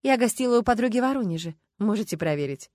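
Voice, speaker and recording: A woman's voice: a little high, animated, fast, a little mellow, no room sound, studio quality, close to an everyday voice. Woman voicing a scornful young biker woman. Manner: mocking, contemptuous.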